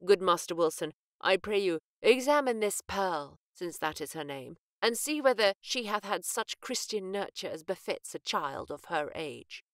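A woman's voice: lowish voice, sing-song, moderate pace, few pauses, dry recording, studio quality. A woman voicing a stern male colonial governor who speaks formally and with command.

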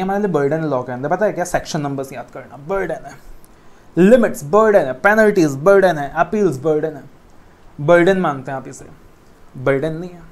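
A man in his thirties with an Indian accent lectures on exam law in a recorded class, speaking from an indoor studio with a whiteboard screen. His high voice carries a coaxing, motivational tone, and he works English phrases into his speech.

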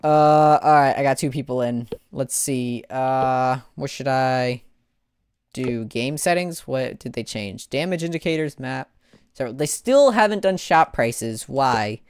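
Male livestreamer, excitable play-by-play commentary, unhurried delivery with a very animated pitch. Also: clear, resonant tone, dry recording. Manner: excitable, exclaims and laughs during play. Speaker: gaming livestreamer. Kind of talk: casual gaming livestream commentary.

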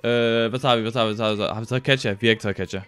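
A young man with a Danish accent, commentating a speedrun live, excitable and joking with frequent swearing. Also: medium pitch, smooth, soft background music. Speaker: streamer.

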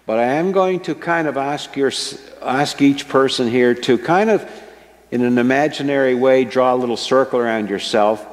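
Preaching from a wooden pulpit with a microphone, an older man of medium pitch gives a measured, earnest sermon, emphasizing important words at a slow pace. The setting is an indoor sanctuary with a stage, shot on a fixed camera, and the long reverb of the church fills the recording.

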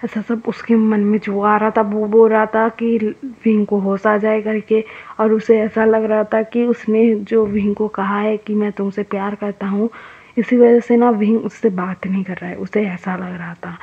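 A woman's voice: medium pitch, flat delivery, normal speed, slightly rough. A woman casually retelling a fan-fiction love story in a chatty way, full of filler words. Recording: tinny phone-like audio.

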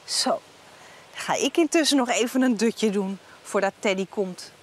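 A woman in her thirties telling a simple story to young children outdoors, with expressive, exaggerated and repetitive delivery. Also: mid-range voice, moderate pace, breathy edge. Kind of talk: improvised storytelling for young children with sing-song chanting. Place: outdoor garden set.

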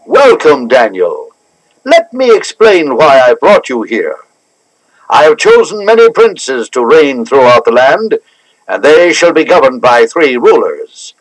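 Conquering king, formal and measured, expressive pitch. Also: no room sound, rough recording. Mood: gracious. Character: conquering king, calm and gracious. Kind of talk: 1970s storybook record drama.

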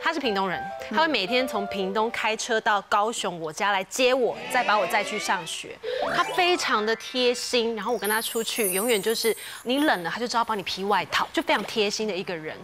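Fast-talking woman storyteller. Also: medium pitch. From Taiwan. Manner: vivid storytelling, acting out quoted voices. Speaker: guest. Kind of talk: telling a personal story on a TV variety show. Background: background music.

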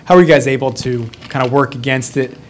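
Male reporter, mid-pitch flat delivery, long-winded questions. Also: fast, a little hiss or hum. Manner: rambling questions. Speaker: sports reporter. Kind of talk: press conference questions.

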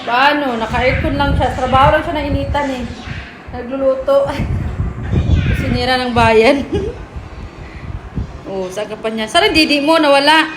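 Woman vlogger, high voice, playful teasing chatter, noisy phone recording. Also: measured pace, pauses often. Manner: playful, teasing, laughs often. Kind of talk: casual teasing house-tour chat.

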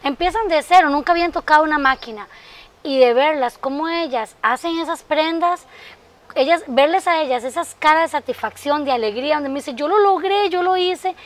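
A woman's voice: high-pitched, a little fast. A woman who teaches a sewing workshop, a guest on a TV interview, talking in a heartfelt, emphatic way about her students. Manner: heartfelt, emphatic, addresses the host by name. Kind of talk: interview answers.

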